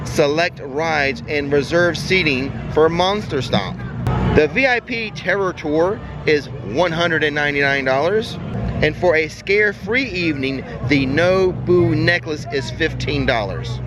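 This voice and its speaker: A man's voice: a little high, lively intonation, measured pace, background noise. A man hosting an upbeat vlog, narrating an event as he goes. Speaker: vlog host.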